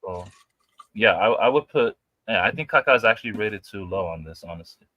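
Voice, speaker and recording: A man's voice: on the low side, expressive, a little fast, sharp tone, dull audio, a little hiss or hum. A man in his late twenties, arguing football in casual chat, emphatic and repetitive, calling people bro. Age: 20s. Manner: emphatic, repeats himself, says bro a lot. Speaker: podcast co-host.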